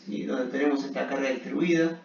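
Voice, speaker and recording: A man's voice: mid-range voice, fairly even intonation, fairly quick, gravelly. Echoey, distant man lecturing. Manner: frequent check-in tags while explaining. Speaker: engineering lecturer. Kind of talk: blackboard lecture, explaining a derivation step by step. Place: echoey room at a blackboard. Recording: echoey room, muffled, distant mic.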